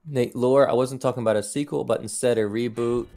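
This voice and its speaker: A middle-aged man running a live stream chats casually, giving opinions as he replies to comments, with background music underneath. He speaks briskly in a dark, medium-pitched voice with vocal fry and a steady tone.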